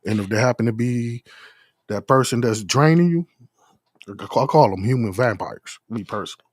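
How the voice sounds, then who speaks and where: A man's voice: mid-range voice, moderate pace, darkish tone, dry recording, clean studio sound. A man co-hosting a podcast, laid-back, dropping casual fillers as he talks.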